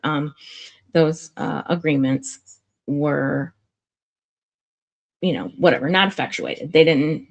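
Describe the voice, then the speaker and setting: On a live stream, a woman with a low, gravelly, nasal voice talks through a real estate contract, explaining each point step by step. The commentary streamer keeps it casual and loose, with many "um"s and restarts, recorded on a streaming setup mic.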